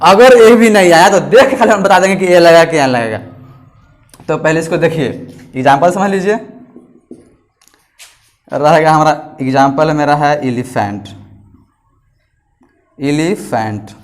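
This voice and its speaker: A male teacher, speaking in a fairly high voice. He drags his words out slowly, repeating each phrase for students to copy down. He quizzes the class and answers his own questions. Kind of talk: classroom lesson, dictating notes.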